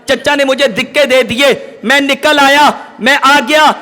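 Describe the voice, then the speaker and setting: Man doing a pleading orphan kid, high and bright, lots of hall echo. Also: fairly even intonation. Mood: earnest. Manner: earnest, pleading. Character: young orphan boy, earnest and pleading. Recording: long hall reverb.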